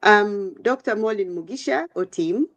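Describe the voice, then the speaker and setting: A woman's voice: mid-range voice, normal speed, fairly bright tone. A middle-aged woman from Uganda, a guest in an online interview, speaking conversationally with frequent fillers over a video call. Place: home, The Hague.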